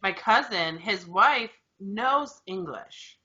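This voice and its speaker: A woman's voice: medium pitch, animated, takes it slowly, bright, forceful tone. A woman co-hosting a podcast and chatting casually, sharing family anecdotes. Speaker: podcast co-host. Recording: slightly muffled podcast audio.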